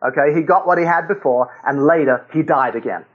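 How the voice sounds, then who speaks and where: An older man, a guest author, talking through his points in a relaxed conversational way about faith and fatherhood, with frequent chuckles. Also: on the high side, a little fast, lo-fi sound.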